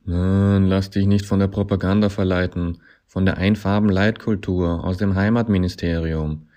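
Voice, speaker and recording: A man's voice: sits low, expressive, drawn-out words, exaggerated voice. Man voicing a mocking talking climbing hold. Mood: bitter. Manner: dry, mocking, growing into loud accusations.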